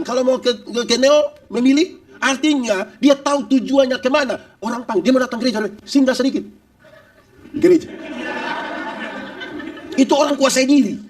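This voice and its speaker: A pastor preaches to his church in a high, lively voice that leaps up and down. His tone has a gravelly edge, and he is heard from a distance across the room. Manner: lively, humorous preaching with acted quotes. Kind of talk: sermon.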